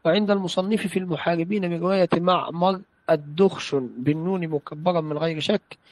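A man's voice: a little high, steady tone, quick pace, a little mellow, no echo, low-quality recording. A man reading a classical text aloud in a study session, carefully reciting and repeating phrases when corrected.

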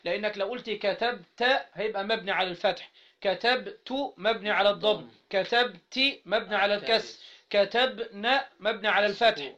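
High-voiced Egyptian grammar teacher. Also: male voice, pushed and bright. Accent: Egyptian Arabic. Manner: drills students with repeated questions, spells out syllables slowly. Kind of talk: classroom grammar lesson. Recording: dull lo-fi recording.

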